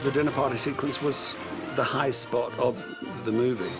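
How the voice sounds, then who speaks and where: A man's voice: medium pitch, steady tone, normal speed, over loud music. A man reminiscing about film shoots in an interview, with a wry, dry manner. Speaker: actor recalling a film shoot.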